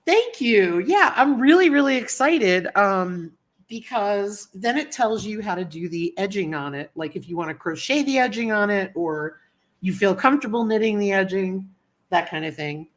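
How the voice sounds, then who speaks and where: With lively intonation at a moderate pace and medium pitch, a woman hosts a casual live chat, welcoming viewers by name. She's slightly stuffed up from a cold.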